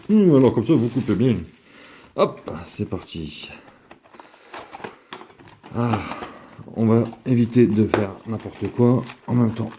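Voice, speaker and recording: A man's voice: low voice, mellow, slight background noise. A man giving casual, rambling commentary as he opens a box of trading cards, talking with many fillers. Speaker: card collector opening a box.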